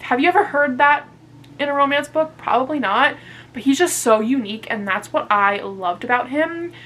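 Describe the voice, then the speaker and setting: A woman's voice: high-pitched, moderate pace, bright, forceful tone, poor audio. A young woman chatting casually on her vlog, reviewing books in a gushing, chatty way and swearing freely. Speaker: book reviewer.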